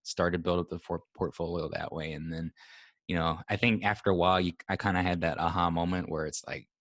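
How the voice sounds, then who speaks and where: A young man from Hawaii speaking as a podcast guest, relaxed and laid-back, with a lot of filler words. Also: sits low, fairly quick, no echo, studio quality. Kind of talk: casual conversation.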